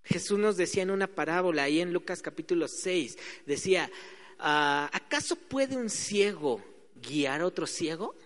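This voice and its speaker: A man's voice: sits high, expressive, moderate pace, a bit bright. A man preaching a sermon in a conversational way, acting out quoted voices. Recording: hall reverb.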